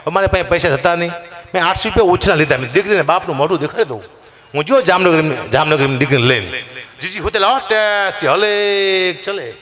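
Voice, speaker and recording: Lively high-voiced man telling stage jokes. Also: fairly quick. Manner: animated storyteller, voice jumping high for punchlines. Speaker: folk comedian. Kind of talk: Gujarati dayro stand-up storytelling. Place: live stage show.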